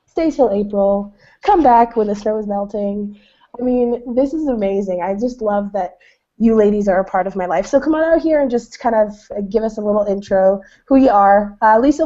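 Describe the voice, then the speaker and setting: A woman from Canada hosts a casual online webinar over a video call, talking in an eager, chatty flow. Her voice is mellow and warm. The call audio sounds dull and lo-fi. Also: medium pitch, moderate pace. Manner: enthusiastic, chatty, frequent fillers. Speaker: host.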